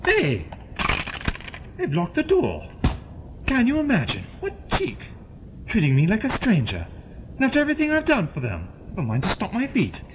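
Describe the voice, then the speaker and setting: A man's voice: sits high, wildly swooping pitch, normal speed, pauses often, dull audio, background noise. A man playing the Doctor, an eccentric, indignant alien time traveler in an audio drama, musing theatrically and huffily. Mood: indignant, huffy.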